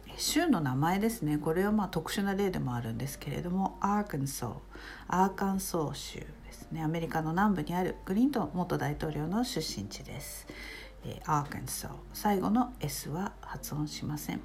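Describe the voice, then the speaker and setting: A woman's voice: fairly low pitch, lively intonation, darkish tone. Careful Japanese woman teaching English. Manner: slow and careful, with many filler pauses. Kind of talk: spoken language lesson.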